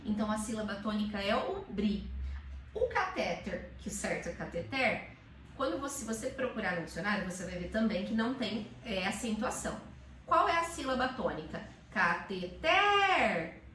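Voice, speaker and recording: A woman teacher explaining in casual chat, animated and calling words out aloud to demonstrate. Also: medium pitch, brisk, echoey room, distant mic, slight background noise.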